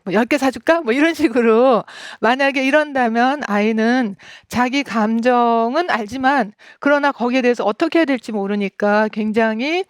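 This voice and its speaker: A woman's voice: a little high, normal speed, few pauses, clear, resonant tone, dry recording, studio quality. A woman giving a stage talk on parenting, explaining step by step and acting out examples. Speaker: lecturer on parenting and emotion coaching.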